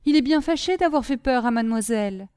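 A devoted sister, gentle and protective, speaking tenderly and pleadingly, as a woman reader gives her voice. The voice is mellow and slightly high, recorded close and dry in a storybook reading. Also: lively intonation, quick pace, clean tone, dry recording, lightly acted.

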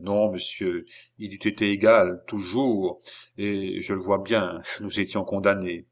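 Imperious calm count, read by a man. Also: low-pitched. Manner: measured, imperious. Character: commanding mysterious count, calm, imperious hypnotist.

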